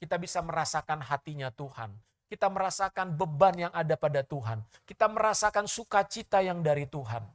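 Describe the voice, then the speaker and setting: A man preaching a sermon as pastor, swinging between loud bursts and soft asides and questioning the congregation directly. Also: a little high, lively intonation, a little fast.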